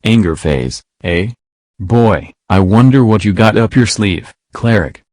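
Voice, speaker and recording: A man's voice: lowish voice, lively intonation, measured pace, a little mellow, no room sound, studio quality. A man voicing a defiant, impatient computer user who mocks a virus in a comedy skit. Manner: mocking, stubborn, theatrical.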